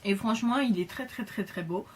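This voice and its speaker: A woman's voice: mid-range voice, brisk, slight background noise. A woman chatting casually in a beauty haul video, enthusiastic, with lots of fillers and repeated words. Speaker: beauty vlogger.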